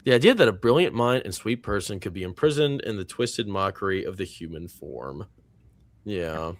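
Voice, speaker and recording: A man's voice: deep voice, expressive, moderate pace, no echo. Rambling male stream host, dry sound. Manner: rambling, reads viewer comments aloud, many fillers. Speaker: host of a movie reaction panel. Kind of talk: casual live-stream chat.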